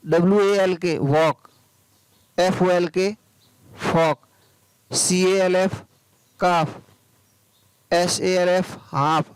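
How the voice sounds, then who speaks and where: A man, teaching English pronunciation, spelling out words letter by letter and then explaining them slowly. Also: high-pitched, fairly even intonation, smooth, low-quality recording. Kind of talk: pronunciation lesson.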